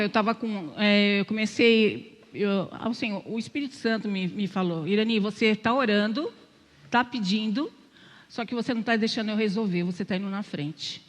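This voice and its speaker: Her voice a little high and fairly bright, an older woman with a Brazilian accent speaks as a lay preacher, her words carrying with the big-room sound of a church sanctuary. The sermon is conversational, built from her own stories and jokes at her own expense, and she keeps checking in with the congregation.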